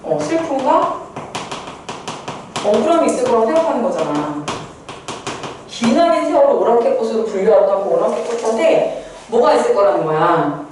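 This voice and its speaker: A woman's voice: on the high side, big pitch swings, moderate pace, long pauses, a little mellow. A woman teacher giving a poetry lesson, who asks questions and answers them herself. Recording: echoey room, far from mic, faint noise.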